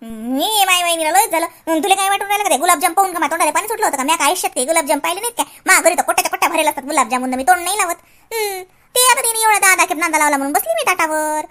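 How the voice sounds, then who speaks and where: A rambling old village grandmother speaking in a very high, bright, piercing voice. She lectures and grumbles in a sing-song way, full of sighing exclamations. It is a comic sketch. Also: animated, very fast. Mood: defensive. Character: chatty, self-pitying old village grandmother.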